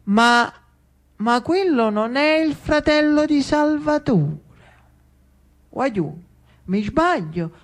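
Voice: sits high, lively intonation, extremely slow, long pauses, voice pushed up, heavily acted. A storyteller voicing a sly, mocking street lazzarone in a theatrical monologue, with a rising singsong.

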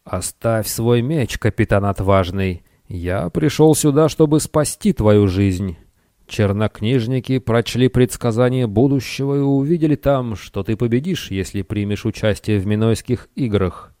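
A greedy scheming merchant speaks with a hoarse rasp and a slight lisp, voiced by a man. He wheedles and hisses, his tone darker and more mellow than bright. The audiobook voice sits close and dry. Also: mid-range voice, measured pace, no room sound, lightly acted. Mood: ingratiating. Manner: wheedling, menacing hiss.

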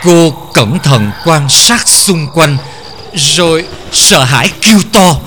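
A man narrating a horror story in a slow, dramatic storytelling manner. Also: fairly high pitch, expressive, noisy background.

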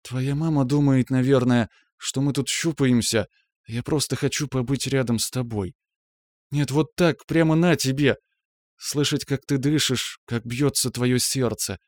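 A man voicing a tender young woman, the hero's sweetheart, who speaks softly and affectionately in an audiobook story. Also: medium pitch, normal speed, no room sound, close to an everyday voice. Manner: soft, affectionate.

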